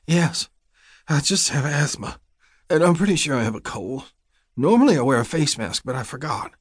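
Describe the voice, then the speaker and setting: A man's voice: fairly high pitch, very animated, husky, no room sound, clean studio sound, voice pushed up. A man voicing a sick, scared young woman who wheezes and stammers through an asthma attack. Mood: weak. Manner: breathless, halting, stammering.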